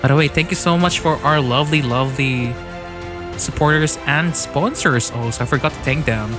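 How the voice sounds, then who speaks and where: A man's voice: medium pitch, moderate pace. Chatty male esports caster over game music. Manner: chatty, laughs often, thanks sponsors. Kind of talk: casual esports commentary. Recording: online stream with game music behind.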